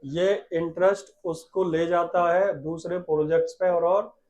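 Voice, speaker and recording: A male teacher in a classroom, dictating English lines slowly and urging the students to repeat them. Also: a little high, fairly even intonation, darkish tone, rough recording. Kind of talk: classroom English lesson with Hindi explanation. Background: class of children.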